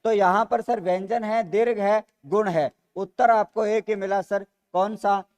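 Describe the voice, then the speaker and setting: A man with a Rajasthani Hindi accent teaches grammar in a live online class, reading student comments, repeating each question and answering it himself, and calling viewers "sir" constantly. His voice sits high with fairly even intonation, an unhurried pace, and a darkish tone.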